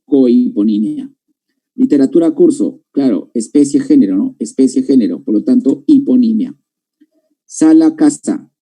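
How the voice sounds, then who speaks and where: Male teacher, middle-aged, dark and husky, patient classroom explainer. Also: medium pitch, rough recording. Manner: explains step by step, checks understanding with questions. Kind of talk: classroom grammar lesson.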